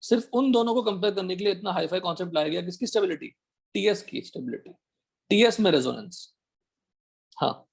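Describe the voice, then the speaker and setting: A man teaching an online chemistry class, firing quick questions at his students to check they follow. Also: high voice, animated, creaky, breathy edge. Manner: quizzing students with rapid questions. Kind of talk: online chemistry class, Hindi mixed with English.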